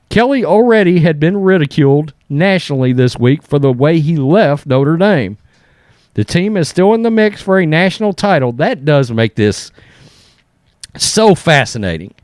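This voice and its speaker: Male sports commentary host, conversational and blunt, higher register, dry recording. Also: expressive, moderate pace, darkish tone, no echo. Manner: blunt, conversational, often tags points with "okay?". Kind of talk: casual opinion commentary, reading and reacting to articles.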